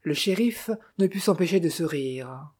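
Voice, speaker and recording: A woman reads a novel aloud in a low, dark and husky voice. She does every character herself and lifts her voice for each one's lines. The narration is steady and scripted. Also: measured pace. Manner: reads every character in turn, lifting pitch and volume for quoted speech. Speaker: audiobook narrator.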